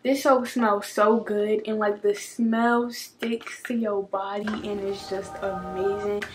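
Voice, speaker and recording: A woman's voice: medium pitch, flat delivery, slow, noisy background. A young woman vlogging casually to camera from home, chatty and full of filler words. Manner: chatty, heavy use of filler "like". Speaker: beauty vlogger.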